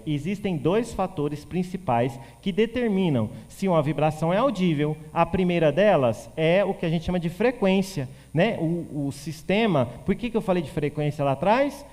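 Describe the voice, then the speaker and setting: A man from teaching physics for exam prep, animated, answering questions he voices himself for a student. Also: a little high, normal speed, big-room sound. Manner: animated, plays the student asking questions in a shifted voice.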